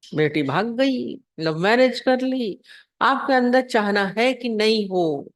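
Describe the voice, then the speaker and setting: A woman's voice: on the high side, lively intonation, takes it slowly, no room sound, clean studio sound. A woman spiritual teacher giving a sermon on scripture, telling parables and asking her listeners questions. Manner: storytelling, asks the listeners questions.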